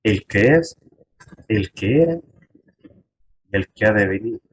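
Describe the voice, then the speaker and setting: A man's voice: on the low side, expressive, slow pace, a little hiss or hum, low-quality recording. A man pastor teaching a Bible class to his congregation, emphatic, turning to them with direct questions. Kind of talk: church Bible lesson.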